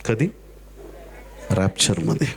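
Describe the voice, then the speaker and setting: A man preaching a sermon, acting out the characters in his stories with jokey asides and building to loud exhortation. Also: fairly low pitch, animated, slow pace, gravelly, slight background noise. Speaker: pastor.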